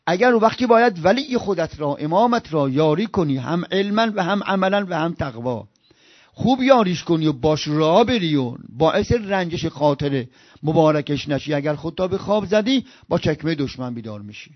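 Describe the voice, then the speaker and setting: A man delivers an impassioned sermon in a fairly high voice with big pitch swings, lurching between loud outbursts and hushed murmurs and chanting scripture as a slow recitation. The audio is dull, with no echo.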